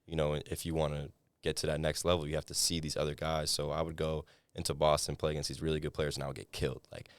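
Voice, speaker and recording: A young man with a very low, flat voice talks quickly and smoothly about his playing days. He is from New Hampshire and keeps it relaxed, peppering his speech with "like." The sound is close and dry. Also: no room sound. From New Hampshire, USA. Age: young adult. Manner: relaxed, slangy, lots of "like". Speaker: guest, former college basketball player. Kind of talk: casual podcast chat.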